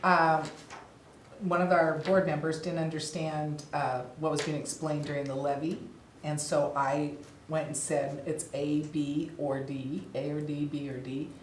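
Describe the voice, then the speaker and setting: A woman's voice: low-pitched, little pitch movement, unhurried, slight background noise. A woman school board member, chatty and self-deprecating, telling a story in a work session. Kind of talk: casual meeting discussion. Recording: echoey meeting room.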